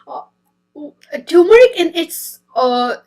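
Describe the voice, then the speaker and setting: A woman's voice: very high-pitched, sing-song, slow, a little mellow. A woman from India, hosting a casual healthy-eating live stream, chatty and hesitant with many fillers and restarts. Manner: greets viewers and reads comments as she goes.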